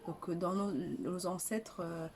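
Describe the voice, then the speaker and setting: A woman's voice: lowish voice, steady tone, a little slow, slight background noise. An older woman from Rwanda, an author answering interview questions in a hesitant way, full of fillers and restarts. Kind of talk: casual interview.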